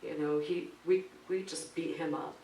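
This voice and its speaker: Ein Mann spricht lässige Dorfkinder. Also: male voice, a little high, steady tone, normal speed, dark tone, close to an everyday voice. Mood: offhand. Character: carefree village kids, offhand. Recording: roomy hall from a distance, faint background noise.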